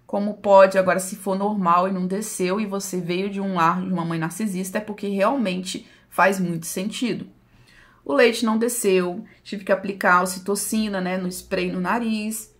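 A woman's voice: medium pitch, fairly even intonation, normal speed. Brazilian woman recounting a painful past. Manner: emotional, addresses viewers as "gente". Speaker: psychoanalyst channel host. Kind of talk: personal storytelling to viewers.

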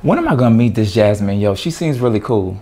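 An actor playing an easygoing, affectionate young boyfriend. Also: male voice, lowish voice, lively intonation, quick pace, mellow. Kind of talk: web drama acting.

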